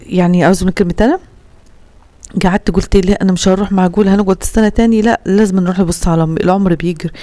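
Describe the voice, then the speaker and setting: Her voice is fairly low and mellow, captured with no echo. An Upper Egyptian Arabic speaker from Upper Egypt, she vlogs from home, earnestly chatting and sharing devout, heartfelt advice.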